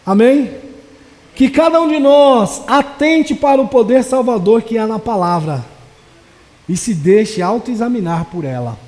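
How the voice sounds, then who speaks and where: A male pastor preaching a sermon with passion, swinging between loud declarations and soft, low asides. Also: expressive, unhurried, long reverb tail. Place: church.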